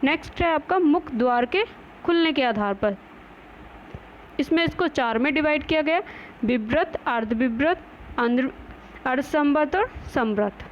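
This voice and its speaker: A woman with a high voice teaches grammar. She poses questions and answers them herself, with English words mixed in. The recording sounds dull and lo-fi, with faint noise underneath. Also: lively intonation, measured pace, pauses often. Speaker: Hindi teacher. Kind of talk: grammar lesson.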